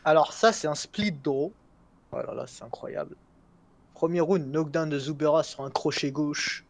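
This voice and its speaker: A man's voice: fairly high pitch, moderate pace. Laughing French man recapping fights. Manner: laughing, joking, stumbling over fighter names. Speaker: podcast co-host. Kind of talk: casual chat recapping fights.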